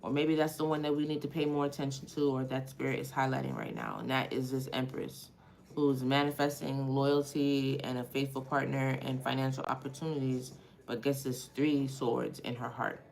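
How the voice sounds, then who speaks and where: A woman with a Haitian accent and a low, deep-set, creaky voice works through a live tarot spread at a moderate pace and a level tone. She questions each card aloud as she thinks, in a loose, casual and profane conversational style. The audio quality is poor.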